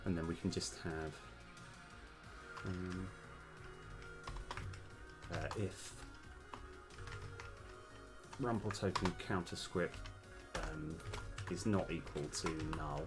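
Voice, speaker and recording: A man with a low-pitched, slightly worn voice streams live game development, talking through code with many hesitations and ums. He speaks at a slow pace and pauses often while music plays behind him.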